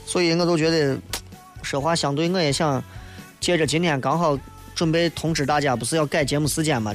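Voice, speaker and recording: A man with a Shaanxi accent speaks in a fairly high register over background music. He hosts late-night radio casually, with blunt, homespun turns of phrase and reflective asides to his listeners. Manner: colloquial, blunt, philosophizing. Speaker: radio host.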